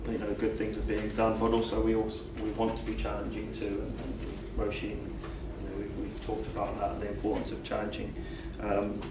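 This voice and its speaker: A man, speaking at an event as chair of a group, hesitant with many restarts and ums. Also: fairly low pitch. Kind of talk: speech at an event. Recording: echoey hall, distant mic, background noise.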